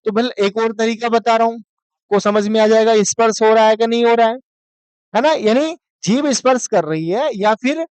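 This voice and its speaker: Male teacher, high clear voice, dry close sound, question-and-answer lesson, reads Sanskrit aloud. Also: darkish tone, dry recording. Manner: asks the class questions and answers them himself; mixes Hindi explanation with read-aloud Sanskrit. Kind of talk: online class lesson explaining to students.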